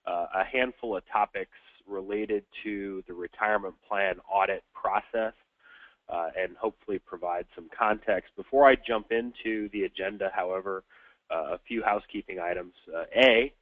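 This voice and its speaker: A deep-voiced man with a nasal, stuffed-up sound from a cold presents a business webinar. He talks haltingly, with lots of filler sounds. The audio is dry and tinny, like a phone line. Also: no echo. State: congested from a cold.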